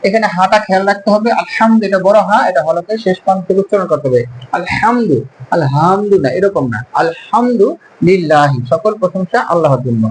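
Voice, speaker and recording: A man giving an Arabic pronunciation lesson, explaining calmly and drawing out each syllable as he models the sounds. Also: high voice, soft background music, rough recording. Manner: slow, careful, drawn-out syllables when modelling sounds. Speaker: Arabic teacher.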